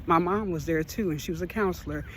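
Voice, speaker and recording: A man with a notably high voice speaks straight to his viewers in an earnest, encouraging vlog. He rambles with plenty of fillers and sounds a little out of breath, with faint ambient sound behind him. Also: quick pace, a bit bright, slight background noise. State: a bit out of breath. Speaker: vlogger. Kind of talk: motivational vlog talk.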